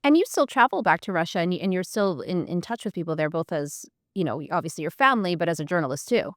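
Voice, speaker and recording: A woman's voice: on the low side, animated, fast talker, dry recording, clean studio sound. Conversational woman podcast host. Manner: conversational, rephrases questions. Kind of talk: interview questions.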